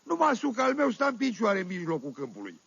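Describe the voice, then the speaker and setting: Un actor care interpretează un sătean oltean de vârstă mijlocie, povestind glumeț și fără șir, cu accent oltenesc, într-o comedie radiofonică. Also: male voice, high-pitched, huge pitch swings, gravelly, fairly bright tone, husky, no room sound, heavily acted. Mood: amused, rambling. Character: folksy Oltenian village man telling tales. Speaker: storyteller. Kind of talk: 1970s radio comedy monologue. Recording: dull dry 1978 vinyl radio recording.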